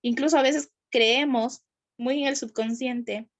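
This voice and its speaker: High-voiced woman leading a group. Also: steady tone. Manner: warm, reassuring, quick asides. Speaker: group facilitator. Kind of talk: supportive group discussion.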